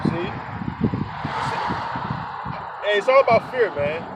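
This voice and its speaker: Emphatic street preacher with loud traffic. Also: male voice, high voice, wildly swooping pitch, takes it slowly. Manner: emphatic, rough-spoken, many fillers. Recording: distant mic, loud street noise.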